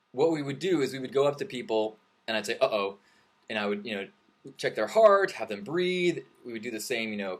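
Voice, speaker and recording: A man hosting a live webcam stream, chatting casually in a rambling, joking way, often restarting his sentences. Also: mid-range voice. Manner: rambling, joking, self-correcting. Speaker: livestream host. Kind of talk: casual livestream chat.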